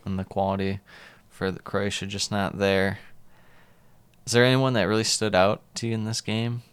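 A man's voice: on the low side, flat delivery, normal speed, clean tone, dry recording. A man hosting a casual sports podcast, talking through soccer matches conversationally. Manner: conversational, asks co-host for opinions.

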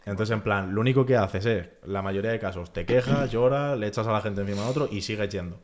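Male guest, deep voice, rapid animated chat. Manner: animated, talks fast with lots of filler phrases. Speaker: guest, freestyle rapper. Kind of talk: casual podcast chat.

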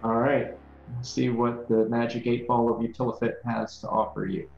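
A man narrating and running a tabletop game as game master, with a halting, deliberate delivery. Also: medium pitch, little pitch movement, vocal fry, a little mellow. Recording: muffled, echoey room, faint music.

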